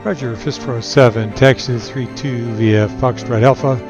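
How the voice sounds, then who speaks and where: A man's voice: mid-range voice, steady tone, moderate pace, highs cut off, music in the background. A man playing a flight simulator pilot, making clipped, formulaic radio calls through a cockpit headset mic. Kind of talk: radio calls to air traffic control.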